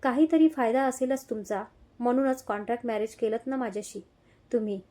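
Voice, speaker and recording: A woman's voice: fairly high pitch, fairly quick, dark tone, close to an everyday voice. A woman voicing a determined young wife who speaks firmly and directly in a read-aloud story. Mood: defiant. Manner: firm, direct. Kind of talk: audio story reading.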